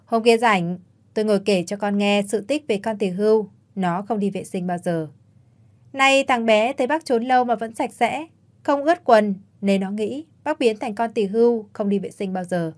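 A woman's voice: mid-range voice, normal speed. A woman narrating a first-person story in a confiding way, speaking directly to her listeners.

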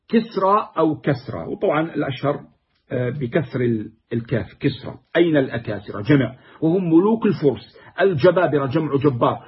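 A man's voice: a little high, slightly rough. A man lecturing on classical poetry, reciting verses and then explaining them word by word. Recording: dull, muffled lo-fi recording.

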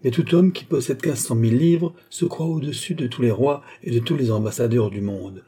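A man's voice: medium pitch, moderate pace, mellow, breathy edge, close to an everyday voice. A man voicing a scheming swindler who lays out his plots with mocking confidence. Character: cunning, sardonic male swindler.

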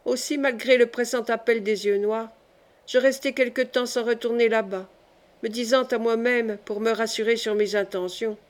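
A woman reading a classic novel aloud in the first person, in a measured and expressive way. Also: fairly high pitch. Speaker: audiobook reader.

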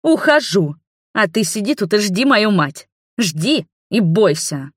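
A woman's voice: mid-range voice, moderate pace, no room sound, studio quality, natural voice. A woman voicing a spoiled young princess who is furious and demanding, speaking in a raised, indignant voice. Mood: spiteful. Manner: indignant, shouting.

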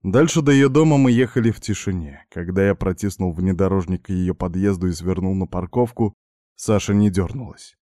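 Low dark-voiced male audiobook narrator. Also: dry recording, studio quality. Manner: measured, brooding, gruff in dialogue. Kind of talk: first-person audiobook narration.

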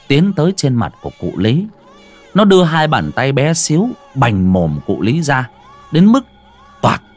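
A man narrating a ghost story theatrically, dropping to a hush and rising sharply. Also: mid-range voice. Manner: theatrical, swings from hushed to loud.

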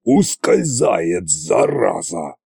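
A gravelly old undead tsar, as a male narrator puts him on, drawling slow and gruff. The voice is raspy and dark, with a lively swing of pitch. It sounds dry and close to the mic. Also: dry recording, exaggerated voice. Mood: straining. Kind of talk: audiobook character voice.

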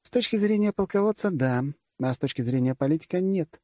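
A man's voice: sits high, expressive, fairly quick, darkish tone, dry recording, clean studio sound, voice pushed up. A man reading an audiobook, voicing a blunt, sarcastic older female generalissimo. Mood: lecturing.

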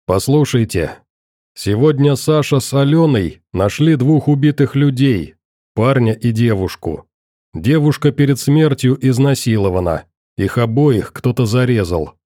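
A man's voice: medium pitch, expressive, mellow, no room sound, clean studio sound, close to an everyday voice. A man voicing a coldly polite middle-aged interrogator in an audiobook, courteous and probing. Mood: addressing crowd. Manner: pointedly courteous, probing, deliberate.

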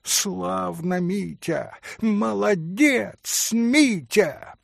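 A woman's voice: medium pitch, lively intonation, very slow, creaky, no room sound, clean studio sound, pitched above the performer's own voice, exaggerated voice. A man voicing a proud, wounded young woman who lashes out with self-reproaching, cutting exclamations in a storybook reading. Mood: mocking.

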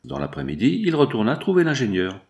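A man narrating a classic novel as a scripted audiobook, in a measured, expressive storytelling manner. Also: medium pitch.

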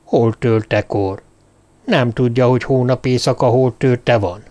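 A man reading the lines of a gruff, wary male innkeeper in an audiobook, grumbling his warnings. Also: medium pitch, fairly even intonation, darkish tone, lightly acted.

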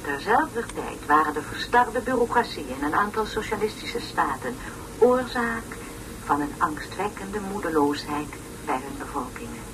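In a noisy, distant old radio play recording, an actress voices a pompous, long-winded woman lecturer on an educational tape. Her mid-range voice has a sing-song lilt and moderate pace, and her lightly acted delivery comes in solemn, over-articulated phrases.

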